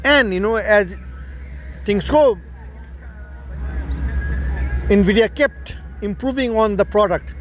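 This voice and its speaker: A startup founder from Nepal talks through his idea in a casual monologue, explaining points and then repeating and rephrasing them as he goes. His voice sits high and his pace is measured, with slight background noise.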